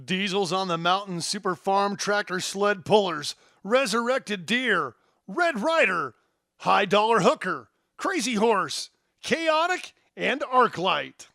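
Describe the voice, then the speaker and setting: A man with a high, forceful voice delivers scripted tractor pull announcer introductions. Each item is punched out separately. The sound is dry and close. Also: expressive, slow, vocal fry, no echo. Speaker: recap show announcer.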